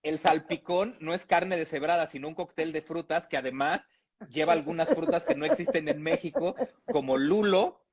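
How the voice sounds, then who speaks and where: Guy from mexico reading a funny piece out loud, kinda high voice, chuckly, muffled lo-fi sound. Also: lively intonation, normal speed. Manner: playful, amused delivery with chuckles. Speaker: reader. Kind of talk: reading a humorous text aloud. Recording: dull lo-fi audio.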